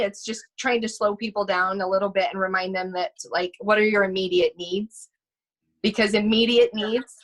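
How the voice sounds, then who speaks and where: A woman life coach in a casual chat, talking in a practical, calming way and running through lists of everyday questions. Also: mid-range voice.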